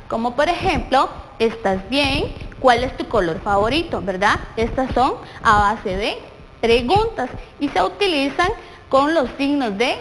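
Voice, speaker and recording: A young woman with a Guatemalan Spanish accent teaches a televised primary school lesson, keeping up a stream of praise and answering her own questions. Her voice sits high and rings out in a space with a long reverb, and a faint hiss of noise runs underneath. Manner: encouraging, asks questions and answers them herself. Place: TV studio set with a desk.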